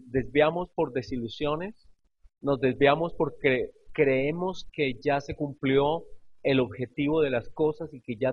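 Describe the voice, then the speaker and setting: A pastor preaching a sermon, telling stories expressively and repeating phrases for emphasis. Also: male voice, on the high side, breathy edge, muffled recording. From Colombia.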